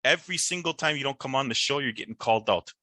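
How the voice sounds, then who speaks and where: A man hosting a casual sports picks podcast, talking in an animated way with a lot of teasing trash talk. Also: medium pitch, fast, dry recording. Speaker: podcast host.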